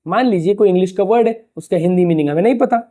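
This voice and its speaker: A man teaching a lesson in a relaxed, chatty tutor's way, with a mellow, darkish voice. He keeps firing rhetorical questions and calls his listeners "brother" in a familiar tone. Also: high voice, rapid-fire. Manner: talks to the viewer like a familiar tutor. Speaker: English teacher. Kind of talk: casual explanatory lesson to camera.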